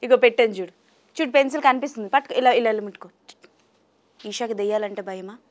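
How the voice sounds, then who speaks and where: A woman with a high voice chats playfully with a small child. She coaxes answers with teasing, sing-song questions. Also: fast. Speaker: interviewer.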